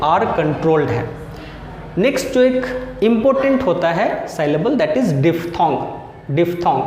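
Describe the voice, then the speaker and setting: A man teaching an English lesson, repeating each example word slowly to drill its pronunciation. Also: high voice, darkish tone, a little hiss or hum. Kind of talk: classroom lesson. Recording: echoey room with long reverb.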